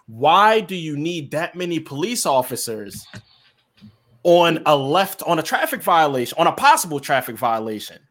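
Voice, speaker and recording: A man's voice: fairly high pitch, big pitch swings, normal speed, fairly bright tone. A man in casual conversation, explaining emphatically and stammering at the start of his points. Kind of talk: casual chat.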